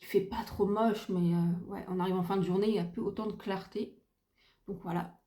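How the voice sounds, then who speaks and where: A woman's voice: mid-range voice, steady tone, brisk, dark tone, reverberant. A middle-aged woman in casual makeup review chat, gushing and repeating herself with many fillers, filmed at home by a window. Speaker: beauty vlogger. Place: home room by a window, ring light. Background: faint sounds of kids gaming and neighbour's renovation.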